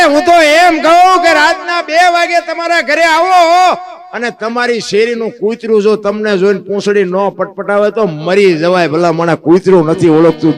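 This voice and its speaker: A man with a Kathiyawadi Gujarati accent giving a folk devotional storytelling talk on stage. He asks many rhetorical questions and calls his listeners "bapu". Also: high-pitched.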